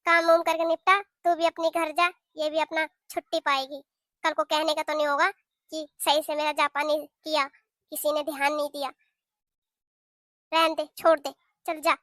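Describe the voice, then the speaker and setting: A woman's voice: high-pitched, little pitch movement, normal speed, fairly bright tone, no echo, clean studio sound. A woman voicing a stern scolding mother-in-law. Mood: placating. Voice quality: lecturing, scolding. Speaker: cartoon voice actor. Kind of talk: cartoon voice acting.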